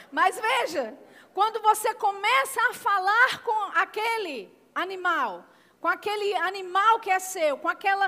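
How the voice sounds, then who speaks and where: A Brazilian woman preaches an emphatic sermon in a very high, bright voice. She keeps prompting her congregation for responses. Her voice rings through a long reverberant hall. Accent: Brazilian Portuguese.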